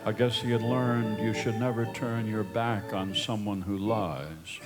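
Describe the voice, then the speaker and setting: A man's voice: on the low side, fairly even intonation, unhurried. A man narrating a comic rhymed story as a storyteller. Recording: loud music underneath.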